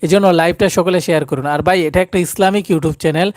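A man's voice: high voice, steady tone, fast talker, darkish tone, no room sound, clean studio sound. A man teaching Quran recitation in a live stream, often pleading with viewers to like and share.

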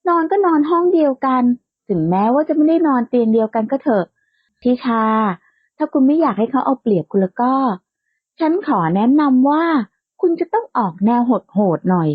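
A woman's voice: high-pitched, lively intonation, moderate pace, breathy edge, no room sound. A woman voicing a bold, playful young woman who likes to tease, in a lightly lo-fi, dry recording. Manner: playful and outspoken, bright and teasing.

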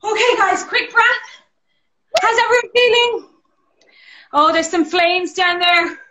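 A woman with an Irish accent leading a live workout class over a video call, energetic, counting down reps and cheering people on. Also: very high voice, takes it slowly, roomy sound, poor audio. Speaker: fitness instructor.

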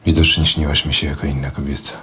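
An actor in his thirties playing an evasive, deadpan husband in a film drama. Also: a bass voice, fast. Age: 30s. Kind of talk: understated film acting. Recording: faint background noise.

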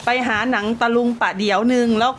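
A woman's voice: a little high, fairly even intonation, quick pace, a little hiss or hum. Patient woman coaching a child. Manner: patient, coaxing, explains proverbs and laughs often. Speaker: parent teaching her child. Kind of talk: casual home reading lesson.

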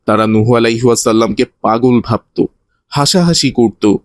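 In a cartoon, a man plays a kindly teacher who tells moral religious stories to children in an earnest, didactic way. His mid-range voice, close to an everyday one, moves at a moderate pace with no room sound.

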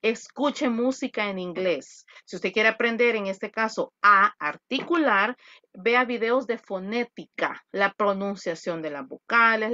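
A woman's voice: medium pitch, pushed and bright. A woman teaching an English class over a video call, coaching her students affectionately and explaining patiently. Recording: muffled video call audio.

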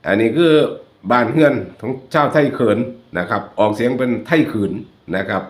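Man, Isan accent, channel host, casual joking commentary, mid pitch, echoey recording. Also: animated, brisk. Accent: Northeastern Thai (Isan). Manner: chatty, joking, addresses viewers as brothers and sisters. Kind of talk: casual commentary over photos. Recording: roomy echo.

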